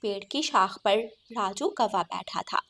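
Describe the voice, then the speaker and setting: A woman narrating a cartoon story in a plain, steady storytelling manner. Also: mid-range voice, a little slow, vocal fry, faint music behind.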